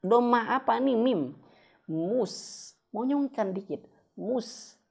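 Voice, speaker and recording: A male Quran teacher gives an online recitation lesson at an unhurried pace. He patiently models each sound with slow, stretched-out recitation. He speaks to his viewers as friends and parents. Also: very high voice, expressive, gravelly, darkish tone, husky.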